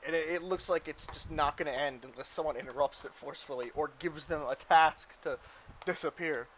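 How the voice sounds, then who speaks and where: A woman's voice: sits low, a little fast, slight background noise, poor audio. A woman narrating as game master in a casual, giggly way, full of "like"s.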